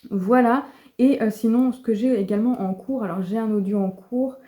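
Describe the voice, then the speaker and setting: A woman's voice: fairly high pitch, moderate pace, dark tone. A woman chatting casually in a vlog about her reading plans, with many fillers and restarts. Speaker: book vlogger.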